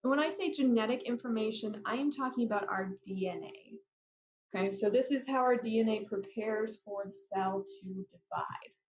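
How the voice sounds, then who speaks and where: A woman teacher talking casually through lecture slides, with chatty, apologetic asides and a somewhat flat, robotic-sounding delivery. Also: on the high side, moderate pace. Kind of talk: recorded lecture over slides. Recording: roomy, dull lo-fi mic.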